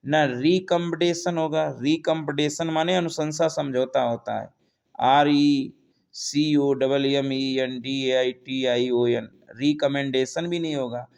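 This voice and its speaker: A man teaching English for exams, reading definitions slowly, explaining in Hindi and spelling words letter by letter. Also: mid-range voice, fairly even intonation, vocal fry, darkish tone, smooth. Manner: repeats questions and answers to drill them. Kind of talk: exam-prep lecture.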